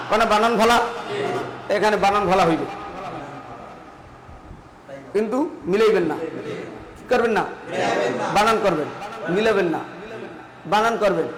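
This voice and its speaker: A man's voice: high voice, roomy sound, very noisy. A male teacher drilling a class on reading the Quran, asking the same questions again and again in a chanting, call-and-response way. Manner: drills with repeated questions, sing-song chanting.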